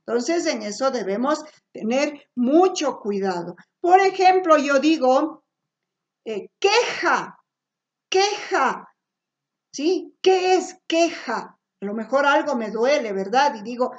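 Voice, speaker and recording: A woman teacher speaks in a high voice at an unhurried pace. She explains patiently and keeps checking that her listeners follow along. The recording sounds dull and lo-fi. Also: expressive. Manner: slow, patient, frequent checking questions. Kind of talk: remote classroom lesson.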